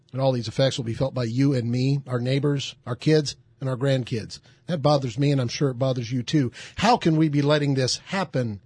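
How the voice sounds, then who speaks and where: A man's voice: on the high side, darkish tone, slightly rough, no echo. A man hosting a studio talk show, delivering punchy, emphatic commentary and interviewing a guest.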